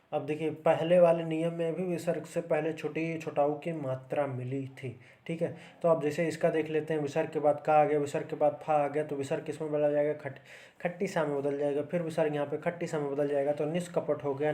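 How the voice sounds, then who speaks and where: A man's voice: fairly high pitch, warm tone. A man teaching grammar for exam preparation, explaining step by step and checking in often with the viewer. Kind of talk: exam-prep grammar lesson.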